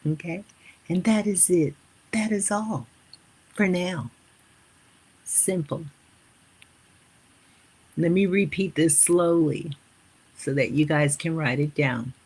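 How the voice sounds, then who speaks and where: Slow-spoken woman leading affirmations. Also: fairly low pitch, a little mellow, breathy edge. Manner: addresses viewers as family. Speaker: motivational host. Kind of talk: live motivational stream.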